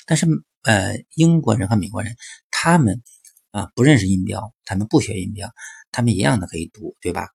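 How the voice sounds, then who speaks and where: A man's voice: fairly low pitch, brisk, creaky, a little mellow, breathy edge, no echo. A man talking through English pronunciation in a chatty explanatory monologue, dropping in lots of fillers and rhetorical questions. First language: Chinese. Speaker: English teaching commentator.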